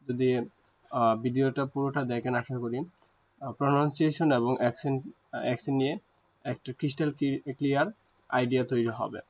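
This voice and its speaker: A man teaching a language lesson, explaining terms slowly with hesitant pauses. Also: medium pitch, poor audio. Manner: hesitant, frequent fillers and restarts.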